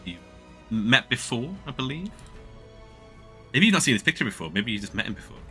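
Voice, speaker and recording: A man leads a tabletop game as its game master, his voice bright and swinging widely in pitch. He talks in a chatty, halting way, full of fillers and laughter. Faint music plays behind him. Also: big pitch swings.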